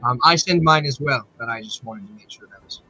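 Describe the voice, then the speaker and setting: A man's voice: medium pitch, a little fast, pushed and bright, lo-fi sound, faint music behind. A man playing a tabletop fantasy game, chatting casually in and out of character.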